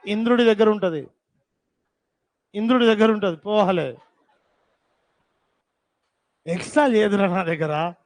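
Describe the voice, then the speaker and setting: A high-voiced male teacher dictates notes to his class in a slow, deliberate way. He repeats each term several times and scolds the students with a teasing edge. The recording is dry and close. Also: dry recording.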